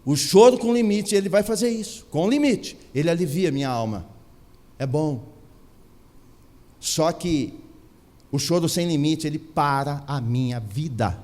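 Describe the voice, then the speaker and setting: A man with a Brazilian Portuguese accent preaches a sermon in a notably high voice, driving his points home with repetition and rhetorical questions. His words ring out with a long reverb, as in a large church hall. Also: expressive, unhurried, pauses often, darkish tone. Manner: emphatic preaching, rhetorical questions, repeats phrases. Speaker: pastor.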